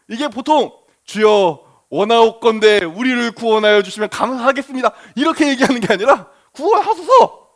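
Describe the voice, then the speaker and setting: Male pastor, high-pitched, conversational sermon delivery, poses questions to the congregation and voices the disciples. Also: a bit bright.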